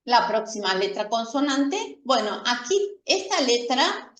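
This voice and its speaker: A woman teaching a careful lesson, speaking slowly in a fairly high voice. She repeats example words patiently and keeps checking that her students follow. The mic sits some way off in a roomy, echoing space. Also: very animated, a bit bright. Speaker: Spanish teacher. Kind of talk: slow, careful classroom explanation. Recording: echoey room from a distant mic.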